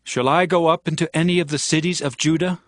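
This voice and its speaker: A man's voice: a little high, steady tone, fast, a bit bright, no echo, studio quality, lightly acted. An actor playing a solemn, impassioned king of ancient Israel in a dramatized audio Bible. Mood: reverent questioning. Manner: solemn, impassioned, archaic declamation. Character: David, grieving and commanding warrior king of Israel. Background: music.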